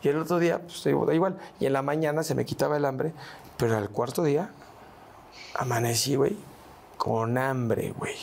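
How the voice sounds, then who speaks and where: A man with a Mexican accent speaks as an interview guest, his voice at a middle pitch with a gravelly, creaky edge. He talks in slangy, casual storytelling. He keeps tagging his sentences with "¿no?" and "güey". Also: normal speed, darkish tone, slight background noise. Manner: slangy, tags lines with "¿no?" and "güey".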